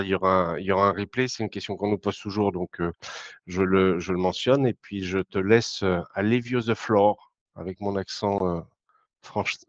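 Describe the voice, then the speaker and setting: A man hosting a webinar on a video call, casual and halting, with many fillers. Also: on the low side, no room sound. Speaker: webinar host. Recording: dull lo-fi call audio.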